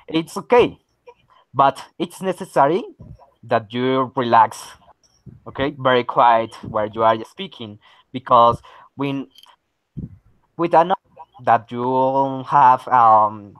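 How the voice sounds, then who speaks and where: A man's voice: medium pitch, a bit bright, dry recording, poor audio. Encouraging male English teacher. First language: Spanish. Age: 30s. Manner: encouraging, repeats okay and very good. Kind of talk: online English lesson.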